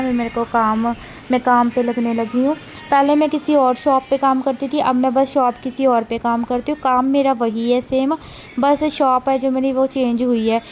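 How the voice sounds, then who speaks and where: Woman vlogger, high voice, rambling home chat into a phone camera, faint room noise. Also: darkish tone. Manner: talkative, rambling, frequent tag questions. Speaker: vlogger, mother. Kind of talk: casual chatty daily vlog.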